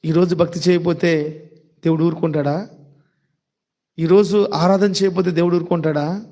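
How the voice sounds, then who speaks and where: A man with a high voice preaching a sermon. He fires off rhetorical questions and repeats them, slowing down to stress key words. He speaks to his listeners directly and fondly. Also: steady tone, mellow.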